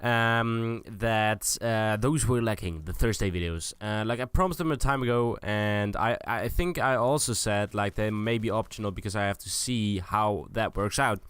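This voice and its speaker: Young man, hesitant commentary, smooth dry sound. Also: fairly low pitch, moderate pace, hardly any pauses, a bit bright, no echo. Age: young adult. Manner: hesitant, searching for words. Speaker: video host. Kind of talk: improvised casual video commentary.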